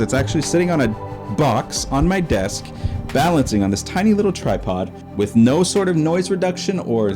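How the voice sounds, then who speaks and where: A man with a medium-pitched, dark-toned voice hosts a DIY creator show. He narrates a scripted tutorial in an upbeat, playful way, peppered with chatty asides.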